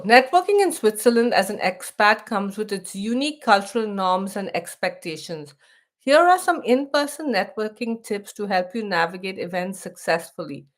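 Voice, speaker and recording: Hosting a casual expat live stream, a chatty middle-aged woman from India speaks with an Indian accent in a mid-range voice. She keeps restarting her sentences and reading text aloud.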